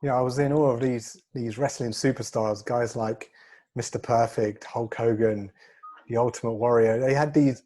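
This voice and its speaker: Speaking at a moderate pace with fairly even intonation, this man has a warm, mid-range voice and a London accent. He's a North London fitness coach in his 30s or 40s, roughly forty, and he gives casual, modest, self-deprecating answers as an interview guest.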